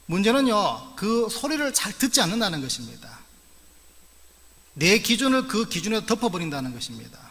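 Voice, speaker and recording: A man's voice: high-pitched, sing-song, moderate pace, fairly bright tone. A middle-aged man from the Gyeongsang region of Korea preaching a sermon as pastor, earnest with humorous asides. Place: church sanctuary. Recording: long church-hall reverb.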